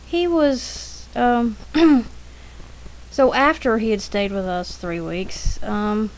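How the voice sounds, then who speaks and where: This woman artist speaks extremely slowly, pausing often, in a voice on the high side. As she narrates her drawing demo, her rambling, anecdotal commentary is chatty and informal, broken by frequent throat clearing, and the recording is rough.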